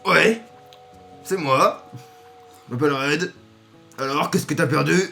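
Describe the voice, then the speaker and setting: A man voicing a brash, cocky young male hunter hero in a video game, loud and punchy. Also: a little high, slow pace, creaky, faint music behind, voice pushed up, heavily acted. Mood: brash, friendly.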